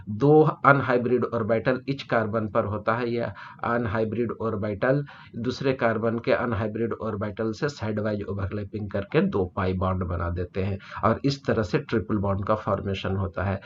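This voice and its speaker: A man lecturing on chemistry, reading English definitions slowly and explaining them in Hindi. He checks in with students often. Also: fairly low pitch, dull audio, a little hiss or hum. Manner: explanatory, repeats "ठीक है" often to check understanding. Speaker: chemistry teacher.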